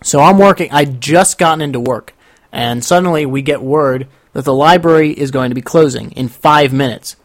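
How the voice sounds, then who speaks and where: A man's voice: mid-range voice, moderate pace. A young man telling a story in casual chat, rambling and often breaking off mid-sentence. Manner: rambling, self-interrupting storyteller.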